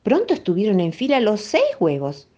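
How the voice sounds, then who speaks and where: A woman with a Rioplatense accent reading a children's story aloud in an expressive, playful manner. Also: medium pitch, moderate pace. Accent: Rioplatense Spanish. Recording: dull lo-fi recording.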